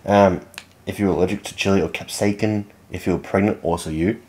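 A man's voice: low-pitched, steady tone, fairly quick, darkish tone. A young Australian man hosting a casual challenge video, teasing his friend in a dry, matter-of-fact way. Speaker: host. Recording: noticeable background noise.

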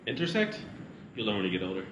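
A man's voice: on the low side, quick pace, muffled recording. Joking man in an echoey room. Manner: joking, playful, teasing a child. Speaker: family travel vlogger. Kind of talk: casual vlog chat, reading facts aloud. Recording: echoey room with steady background noise.

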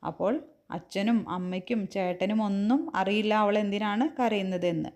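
A woman teacher explaining a textbook lesson to young children, gently asking questions and answering them herself. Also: medium pitch, normal speed.

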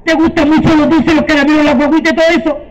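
A scatterbrained, excitable witch cook, put on by a male storyteller, fusses over her victims in a Chilean accent. The voice sits extremely high and shrill, exclaiming in a fussy way. The live recording sounds dull and lo-fi. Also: fast talker, a little hiss or hum. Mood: coaxing. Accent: Chilean Spanish.

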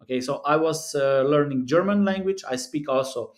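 This sports betting analyst is a European man with a South Slavic first language, and his voice sits a little high at a moderate pace. He records screen commentary in a small room indoors. His delivery is earnest and repetitive as he talks through figures, leaning heavily on fillers.

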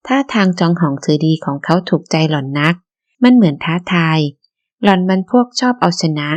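Brief: female audiobook narrator, steady storytelling, lowish voice. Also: normal speed, dry recording. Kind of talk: novel narration.

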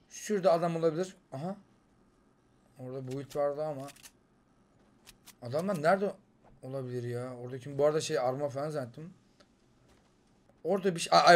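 A young man with a Turkish accent giving excited gameplay commentary, jumping between loud outbursts and muttering to himself. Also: fairly high pitch. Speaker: gaming YouTuber.

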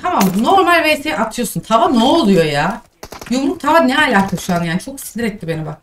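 Fast and on the high side with big pitch swings, a young female game streamer scolds and vents exasperation as she plays a mobile shooter live. The mic sits at a distance, and game sounds are audible.

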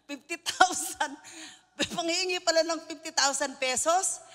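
A Filipino woman preacher giving an animated sermon, telling stories with frequent laughter. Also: extremely high pitch, takes it slowly, big-room sound. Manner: animated storytelling, mixing in laughter and English phrases.

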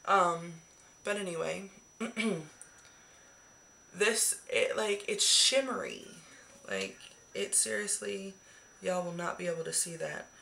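Slow and pausing often, this young woman in her twenties chats about her monthly makeup favorites in a bright, forceful tone, rambling and swearing casually. The flu has left her hoarse, with a slightly low voice that slips into gravelly fry. She films on a webcam at arm's length in a small decorated bedroom, a faint hiss behind her.

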